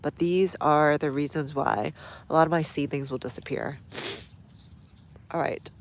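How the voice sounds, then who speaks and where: This woman's deep voice stays steady and measured as she hosts a casual gardening livestream outside despite a stuffy nose. She chats along and reads viewer comments while working, with a little hiss or hum in the recording.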